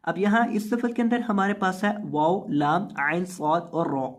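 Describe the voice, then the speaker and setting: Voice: mid-range voice, steady tone. A Quran reading teacher leading a syllable-by-syllable drill, spelling out letters and vowel marks and then blending them into whole words. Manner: repeats each word slowly, stretching the vowels. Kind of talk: slow syllable-by-syllable recitation drill with explanations.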